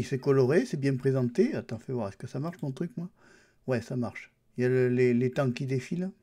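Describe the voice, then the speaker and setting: In a mellow, medium-pitched voice, a YouTuber casually walks through a Linux distribution on screen. He thinks out loud as he looks over the settings and apps, speaking straight to the viewer.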